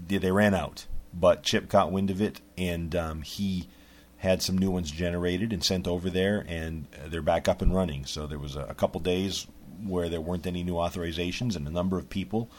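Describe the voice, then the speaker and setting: A man with a very low, husky voice talks through news in a loose, rambling way. He circles back on his words and stacks up fillers as he goes. The talk stays casual and unscripted. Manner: rambling, lots of restarts and fillers. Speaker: podcast host. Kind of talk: casual monologue.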